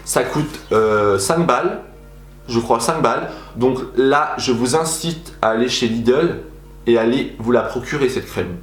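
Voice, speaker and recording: A man's voice: mid-range voice, a little slow. A young man chatting animatedly as a beauty vlogger, gushing about his favorite products in a casual review. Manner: animated, chatty, exaggerated enthusiasm. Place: room at home. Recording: echoey room with faint music.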